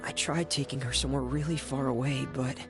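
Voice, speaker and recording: A woman voicing a shy, gloomy younger brother in an anime game, soft and halting. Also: a bass voice, steady tone, over music. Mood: subdued, uneasy.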